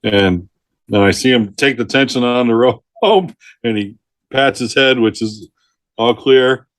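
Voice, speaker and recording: A middle-aged man tells outdoor rescue stories in relaxed conversation, chuckling as he goes and slipping into the voices of the people he met. His voice sits at an ordinary middle pitch. The sound is close and dry, with no room echo. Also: measured pace. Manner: lively storyteller who laughs mid-sentence and acts out quotes. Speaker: retired forest ranger, podcast guest. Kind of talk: storytelling in a casual interview.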